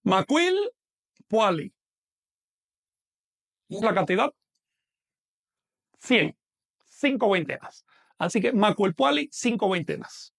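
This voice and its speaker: Man, gravelly voice, patient teacher, step-by-step explanations, live online class. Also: high-pitched, animated, unhurried, long pauses, a bit bright. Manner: patient, explains step by step, asks questions and answers them.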